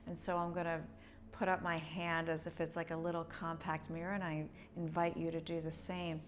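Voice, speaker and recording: Over music, a woman with a low voice leads an instructional breathing lesson for yoga, explaining each step conversationally. Her delivery is flat and her speed normal.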